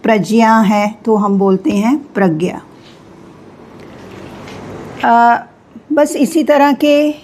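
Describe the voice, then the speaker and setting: Very slow-paced woman teaching spelling. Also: mid-range voice, a little mellow. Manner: slow, deliberate, spells out sounds with pauses. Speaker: Hindi teacher.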